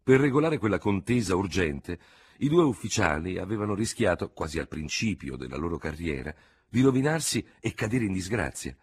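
A man reading a novel aloud as the narrator, with an expressive storytelling delivery. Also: low voice, fairly quick, slightly rough. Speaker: audiobook narrator. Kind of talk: scripted literary narration.

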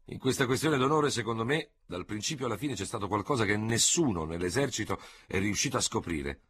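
A man voicing an older veteran soldier in a radio audiobook, musing gravely. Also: fairly low pitch, lively intonation, a little fast, a bit bright, pitched above the performer's own voice. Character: older male veteran chasseur, puzzled.

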